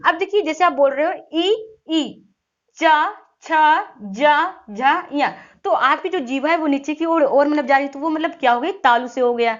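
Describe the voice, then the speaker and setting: Woman teacher, high voice, patient step-by-step explaining, dull lo-fi audio. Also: brisk. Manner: explaining step by step, repeating sounds aloud; frequent "thik hai" check-ins. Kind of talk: exam-prep lesson.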